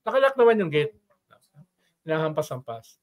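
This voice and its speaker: A man in casual political talk who tells stories with frequent tag questions and an animated delivery. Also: on the high side, normal speed. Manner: animated, voice rises when quoting chants. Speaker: political commentator guest.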